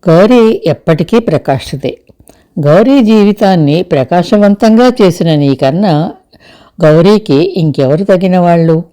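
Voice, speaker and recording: A woman's voice: on the low side, expressive, a little slow, warm tone. A woman voicing an earnest, persuasive young man in an audio story, close to her own voice. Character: man, young adult, earnest cousin and husband.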